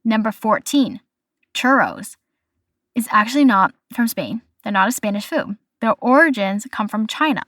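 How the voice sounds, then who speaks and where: A woman's voice: fairly high pitch, animated, moderate pace, a bit bright, dry recording, clean studio sound. A young woman from the United States hosting a casual solo podcast, chatty and stumbling over foreign words. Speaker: podcast host. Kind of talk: casual solo podcast, listing food facts.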